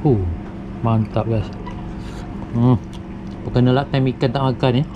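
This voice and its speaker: With fairly even intonation and a slightly slow pace, a young man with a Malaysian Malay accent and mid-range voice chats to viewers, calling them guys. He's fishing at night on a wooden sea platform, filmed on an action camera, in upbeat vlog commentary. The sound is lo-fi with background noise.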